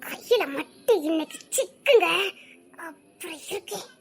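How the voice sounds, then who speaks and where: A man's voice: animated, full character voice. A man voicing a furious young woman who draws out her threats, with a Tirunelveli Tamil accent. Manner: shrill, drawn-out threats.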